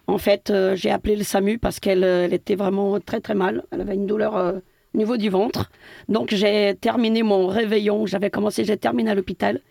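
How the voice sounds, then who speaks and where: A woman's voice: mid-range voice, flat delivery, brisk, gravelly, mellow, no room sound. A middle-aged woman from Portugal, a building caretaker answering interview questions hesitantly with many fillers and restarts.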